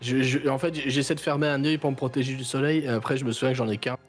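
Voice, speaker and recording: A man's voice: mid-range voice, fairly even intonation, fast talker. A man playing a tabletop role-playing game, joking about his character. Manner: playful, joking. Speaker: player. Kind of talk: casual tabletop play.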